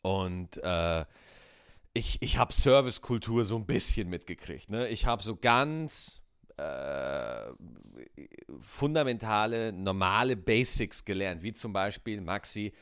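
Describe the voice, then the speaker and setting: A man's voice: fairly low pitch, takes it slowly, clean tone. Crude, ranting man on a podcast. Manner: crude, swearing, animated ranting with many "ne?" and "ja?" tags. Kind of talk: casual comedic rant.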